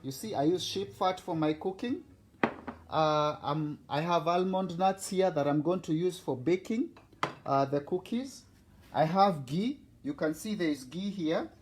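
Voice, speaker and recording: A man's voice: fairly high pitch, echoey room, slight background noise. A man in his forties with a Kenyan accent, hosting a casual live cooking vlog in a chatty, boastful way and greeting viewers by name. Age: 40s. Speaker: host.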